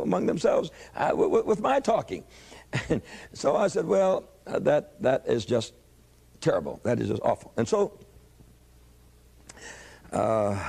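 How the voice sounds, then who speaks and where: A man's voice: on the high side, creaky, darkish tone, breathy edge. An older man preacher telling his life story in a sermon, folksy, with stammering restarts and chuckling asides.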